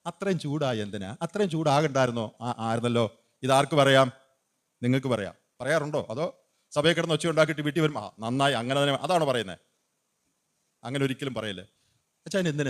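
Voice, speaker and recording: A male evangelist preaching a sermon, who asks his listeners questions and answers them himself, rising loud for emphasis and dropping to low asides.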